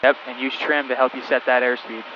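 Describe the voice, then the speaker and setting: A male flight instructor on a cockpit headset intercom, calmly talking a student pilot through each step in flight. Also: mid-range voice, brisk, highs cut off, noisy background. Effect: heard over a cockpit headset intercom. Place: small plane cockpit in flight.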